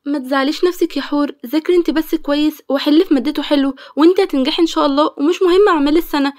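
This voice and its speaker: Telling a story in an Egyptian Arabic accent, a woman plays a sensible, caring young student fussing over her friend and kindly scolding her. Her delivery is rapid-fire, in a high, natural voice that is a little mellow.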